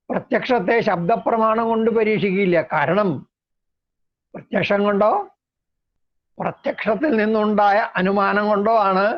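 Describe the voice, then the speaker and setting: Man, high-pitched, measured lecturing, step-by-step explanations, muffled lo-fi sound. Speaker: lecturer on Indian logic. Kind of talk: deliberate philosophy lecture. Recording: dull lo-fi recording.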